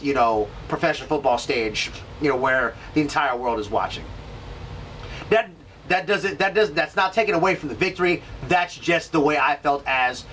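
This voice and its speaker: A male sports vlogger from the Seattle area rambles through his thoughts in a casual, somewhat high voice, restarting sentences and leaning on fillers. He sits a little back from the mic, with a faint hiss underneath. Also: a bit bright, distant mic, poor audio. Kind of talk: casual vlog commentary.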